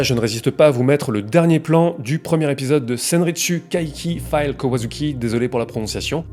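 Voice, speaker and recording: A man's voice: medium pitch, a little mellow. Wry, conversational man narrating. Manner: wry, conversational, with playful emphasis. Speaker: video essay host. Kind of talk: casual video essay narration.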